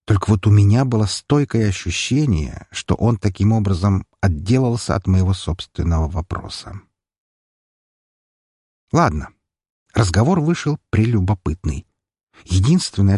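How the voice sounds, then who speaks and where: A man narrating a first-person audiobook in a measured, wry storytelling manner. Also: on the low side, darkish tone, slightly rough, no room sound, clean studio sound.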